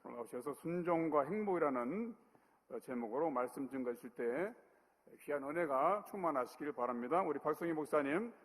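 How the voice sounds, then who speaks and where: A man as event host, giving a formal, measured introduction of a guest pastor. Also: a little high, expressive. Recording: long hall reverb.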